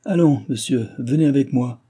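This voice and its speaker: A kindly but firm older doctor, voiced by a man, gives brisk orders. The voice is dark and husky. The delivery is a classic novel read aloud. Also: medium pitch, pitched above the performer's own voice, close to an everyday voice. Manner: brisk, commanding.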